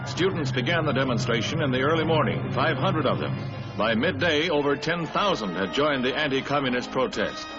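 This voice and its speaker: Over orchestral music on a dull, vintage 1950s newsreel soundtrack, an American man narrates from a script. His mid-range voice is expressive and brisk, delivered with grandiose emphasis.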